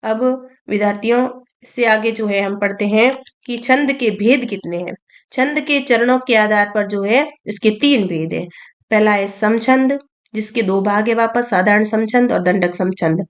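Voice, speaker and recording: In a mid-range voice, a woman gives a grammar lesson at a slow pace. She keeps repeating the important terms and answers the questions she puts to the class.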